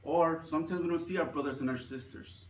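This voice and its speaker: A man in his forties gives an earnest prepared speech, his voice sitting a little high for a man. He often stumbles over and repeats words. He is recorded from a distance in an echoey room. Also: fairly quick, a little hiss or hum. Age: 40s. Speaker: club speaker. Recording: echoey room, mic far off.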